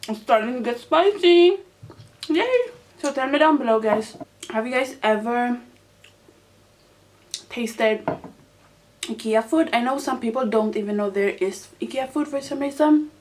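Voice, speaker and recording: Young girl doing a mukbang, kinda high voice, excitable casual chat to camera while eating. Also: unhurried, long pauses. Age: teenager to young adult. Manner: excitable, exclaiming, talking to viewers while eating. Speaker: mukbang host.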